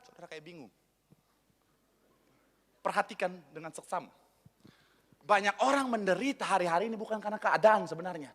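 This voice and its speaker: A man preaching a lively, humorous sermon from the pulpit, acting out little scenes as he goes. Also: very high voice, big-room sound. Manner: animated, joking, acts out little scenes. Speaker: pastor. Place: church hall.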